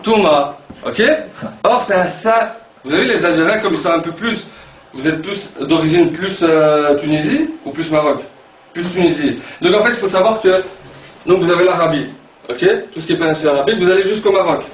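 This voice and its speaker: A man teaching an Arabic pronunciation class, animated and repeating sounds aloud to demonstrate them. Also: on the high side, brisk. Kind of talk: classroom lesson. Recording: echoey room from far off, background noise.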